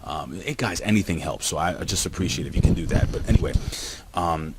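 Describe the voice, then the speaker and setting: Deep-voiced excitable man reviewing wrestling. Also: brisk, very noisy. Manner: excitable, rambling, talks straight to viewers. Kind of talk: casual video review.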